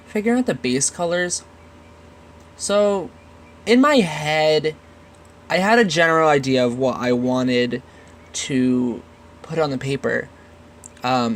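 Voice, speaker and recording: Sick, stuffy-nosed male art vlogger; slow, halting casual commentary, slightly high voice. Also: slight background noise. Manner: halting, many ums and restarts. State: congested, nasal from a cold. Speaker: digital art video host. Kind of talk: casual draw-along commentary.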